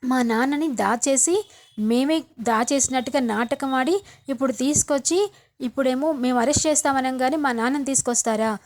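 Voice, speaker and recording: A woman reading the lines of an indignant young policeman shouting accusations in a soap retelling. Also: sits high, moderate pace, natural voice.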